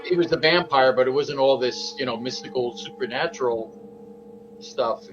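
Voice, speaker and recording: A man chats through a movie watch-along, tossing in behind-the-scenes trivia. Film music plays clearly behind him. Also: medium pitch, moderate pace, muffled recording. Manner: chatty, trivia-sharing. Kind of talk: casual watch-along commentary.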